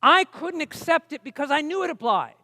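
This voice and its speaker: Bright high-voiced male preacher. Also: lively intonation, fairly quick, no echo, clean studio sound, in a large hall. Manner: conversational, emphatic, asks the audience questions. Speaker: pastor. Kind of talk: camp meeting sermon.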